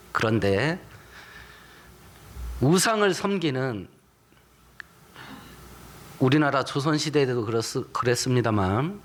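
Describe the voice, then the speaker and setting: A male pastor preaching a sermon, emphatic and asking the congregation rhetorical questions. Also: medium pitch.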